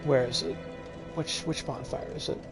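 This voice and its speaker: A man streaming a video game, giving casual, rambling commentary full of fillers and quick chuckles. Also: medium pitch, fairly even intonation. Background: game music.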